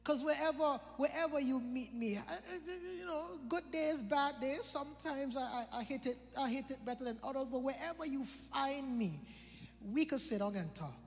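A man's voice: very high voice, animated, moderate pace, vocal fry, long reverb tail. A man from the British Virgin Islands with an island accent, preaching a sermon, quizzing his congregation and repeating phrases for emphasis.

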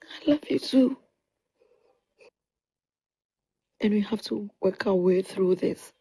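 An actress playing a blunt, protective middle-aged aunt in a naturalistic screen drama. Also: female voice, mid-range voice, moderate pace, dark tone, breathy edge, low-quality recording. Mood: tender, wry. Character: protective, blunt aunt who raised her niece.

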